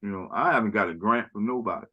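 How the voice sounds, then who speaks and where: A man with a lowish, husky voice talks fast as a podcast guest in a casual, rambling chat, often tacking on "right?" and "you know." The recording sounds muffled.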